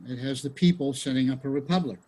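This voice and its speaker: Rambling man with a husky voice. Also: medium pitch, fast, mellow, low-quality recording. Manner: rambling, many restarts and fillers. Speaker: study group leader. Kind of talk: casual group discussion on a video call.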